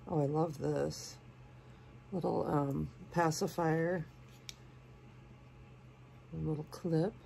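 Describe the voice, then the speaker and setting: Woman, stuffy cold voice, low-pitched, unhurried, soft gushing, faint room noise. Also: gravelly. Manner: gushing, soft-spoken, sometimes drops to a whisper. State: congested, sniffly from a cold. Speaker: doll unboxing vlogger. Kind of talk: casual unboxing chat.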